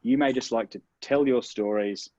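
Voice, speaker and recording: A man answers interview questions as a marketing expert, explaining things step by step in an upbeat way and stressing key words. His medium-pitched voice is mellow and moves at normal speed. The sound is dull, dry and lo-fi.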